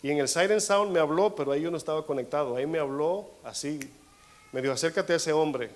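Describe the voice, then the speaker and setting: A man preaching to his congregation as their pastor, voice sitting a touch high for a man. He tells his story with acted-out dialogue, calls the listeners brothers, and swings between quiet asides and raised, urgent bursts. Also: quick pace. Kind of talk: sermon.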